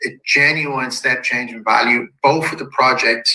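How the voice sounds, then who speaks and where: Walking shareholders slide by slide through an investor presentation, a male executive keeps a calm, measured, businesslike manner, now and then restarting a phrase. A head cold leaves his mid-range voice a bit croaky, and the recording carries room echo.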